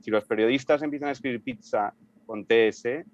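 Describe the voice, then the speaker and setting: A man's voice: medium pitch, a little fast, highs cut off. A man speaking in a casual panel discussion, thinking aloud and restarting his sentences. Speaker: panel guest.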